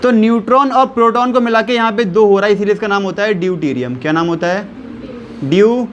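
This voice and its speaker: A man's voice: sits high, slight background noise. A man teaching a chemistry lesson, repeating key terms and asking his listeners questions as he goes. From India. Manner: slows down to spell out values step by step.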